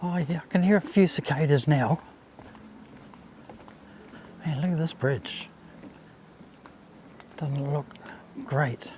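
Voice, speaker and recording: A man gives casual, unhurried commentary on a nature walk, outdoors by a babbling creek. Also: a little high, darkish tone. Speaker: walking vlog host. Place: outdoors on a bush walkway and swing bridge by a creek. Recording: outdoor ambience, faint insect noise. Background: cicadas, birds, babbling creek.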